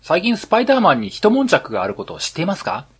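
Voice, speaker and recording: A man's voice: high voice, huge pitch swings, rapid-fire, breathy edge. A man from rural Tohoku co-hosting a podcast in casual chat, playful and self-deprecating. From rural Tohoku, Japan. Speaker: podcast co-host.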